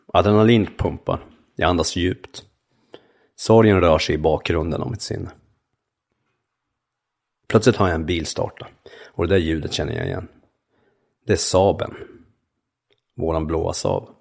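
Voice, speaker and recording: Deep gravelly man reading his memoir. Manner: calm, measured storytelling in short sentences. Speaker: memoir narrator. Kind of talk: first-person memoir reading.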